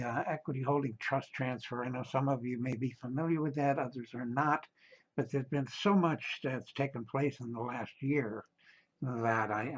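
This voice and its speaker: A man with a gravelly voice, speaking casually with many fillers and restarts as he invites listeners to a real estate seminar. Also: medium pitch, highs cut off. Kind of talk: casual spoken invitation and pitch.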